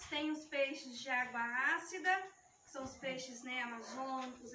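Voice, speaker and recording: A woman leads a youth ministry talk, walking her listeners through a hands-on demonstration in an explanatory, slightly nervous way. Her high, bright voice is picked up from a distance, with echo from the hall and a faint hum of the room behind her. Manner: explanatory, talks the audience through each step. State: shaky with nerves. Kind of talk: teaching talk with a live demonstration. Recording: echoey room mic from far off.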